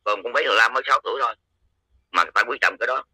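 A man's voice: mid-range voice, racing, sharp tone, husky, no room sound, rough recording. A man with a Southern Vietnamese accent, a lay follower of a religion, giving a heated, coarse, confrontational rant. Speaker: Cao Dai lay follower.

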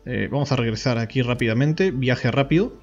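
A man's voice: medium pitch, fairly quick, darkish tone, highs cut off, soft background music. A man giving a casual game tutorial, explaining step by step and often checking in with listeners. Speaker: gaming YouTuber.

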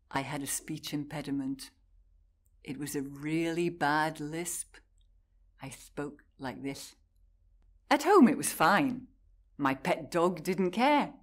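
A woman delivers a prepared talk to an audience, speaking in a low register. She takes her time, setting out each short phrase slowly and deliberately as she tells her own story.

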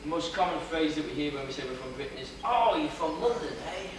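A young Welshman with a Welsh accent gives a theatrical, joking history lecture to an audience in a lecture hall with a projection screen. His voice is a little high, expressive and quick. A distant camera picked it up, so the noisy old video sounds echoey.

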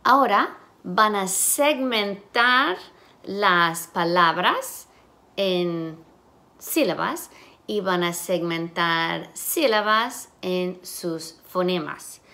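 Woman, teacher, phonics lesson, sounds out each letter, very slow pace. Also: medium pitch, pushed and bright.

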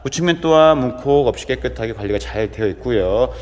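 A man presenting a used car as a dealer in a walkaround sales pitch, with smooth salesman patter, going item by item. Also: animated, brisk, a little mellow. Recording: long reverberant echo.

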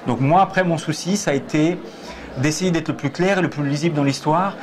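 A slightly high, slightly fast male voice belongs to a stage director in his forties, answering interview questions thoughtfully with many repeated starts. Hesitant and gesturing as he talks, he sits in a theatre auditorium box seat on a lapel mic, with busy crowd chatter in the background.

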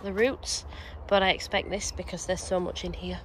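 A woman's voice: on the low side, little pitch movement, normal speed. A woman vlogging from her allotment outdoors, chatting casually as she shows her work. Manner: chatty, explaining as she works. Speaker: gardening vlogger. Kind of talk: casual walk-through chat. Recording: noisy outdoor recording. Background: wind and a strimmer.

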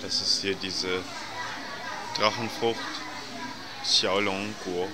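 A man narrating a handheld tour of a supermarket, walking and commenting in a relaxed way on the camera mic. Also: deep voice, crowd noise. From Germany. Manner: relaxed, unhurried, commenting as he walks. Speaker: vlogger. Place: large supermarket indoors. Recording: loud store noise behind. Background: supermarket bustle.

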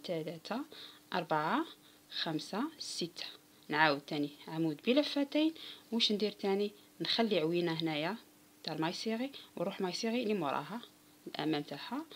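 A woman's voice: on the low side, slightly rough. A woman with an Algerian Arabic accent giving a step-by-step crochet tutorial, patiently counting stitches aloud and talking straight to her viewers. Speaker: crochet instructor.

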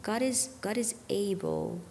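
In a reflective podcast conversation about faith, a woman in her thirties who sings gospel speaks earnestly and unhurriedly, sinking to a near-whisper at key moments. Her medium-pitched voice is creaky and dark, caught on a boom-arm studio mic with big-room sound and a bit of background noise.

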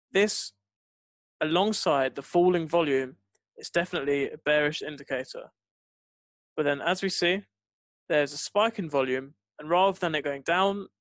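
A trading instructor narrates a scripted tutorial step by step into a close, dry voice-over mic with no room sound. His voice is fairly high-pitched with a fairly bright tone.

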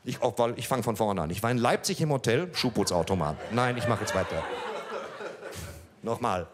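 A middle-aged comedian performs deadpan stand-up on a small club stage, reading a story from a page into a handheld mic and stopping now and then to address the audience. His voice is low-ish at a normal speed, with crowd noise audible.

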